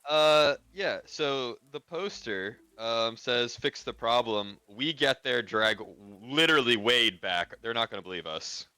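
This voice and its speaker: Slow, hesitant man with a bright voice. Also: mid-range voice, expressive, clean tone, no echo. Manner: hesitant, halting. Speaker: player. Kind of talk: casual chat at a tabletop game.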